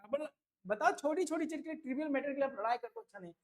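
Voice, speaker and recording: A man's voice: very high voice, animated, racing. A man teaching English vocabulary for an exam in a chatty, casual way, often checking in with listeners. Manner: chatty, repeats "है ना?" and "ठीक है" to check in. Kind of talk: casual tutoring lesson.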